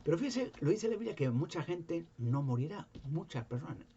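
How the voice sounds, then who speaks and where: A man's voice: fairly high pitch, sing-song, normal speed, dark tone. A man preaching informally, reading Bible verses aloud and explaining them with emphatic rhetorical questions. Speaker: religious video preacher. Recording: dull lo-fi home recording with faint noise.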